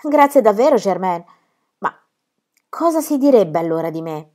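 A woman voicing a young, poor peasant girl who is gentle and wise, speaking tenderly in an audiobook reading. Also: medium pitch, very animated, normal speed, close to an everyday voice.

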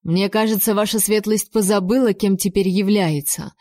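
A woman's voice: mid-range voice, steady tone, normal speed, darkish tone, no echo, studio quality, natural voice. A woman voicing a jealous, cold-tempered male king in an audiobook reading, with a mocking, commanding manner.

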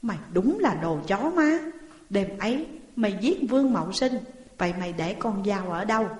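A woman's voice: mid-range voice, lively intonation, moderate pace, natural voice. A woman doing a furious, scornful old-time magistrate. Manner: shouting, scornful. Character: harsh, hot-tempered male county magistrate. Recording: roomy, long reverb.

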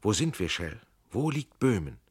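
A male audiobook reader voicing a bold fleeing soldier who speaks loud, gruff and commanding. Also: on the low side, very animated, normal speed, dry recording, pitched above the performer's own voice. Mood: urgent.

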